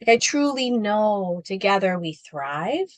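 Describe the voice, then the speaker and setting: A woman with a medium-pitched voice talks at a measured pace on a dry recording. She's a spiritual business coach guesting in a casual interview, speaking animatedly with lots of fillers, heavy use of "like," and playful asides where she slips into quoted voices.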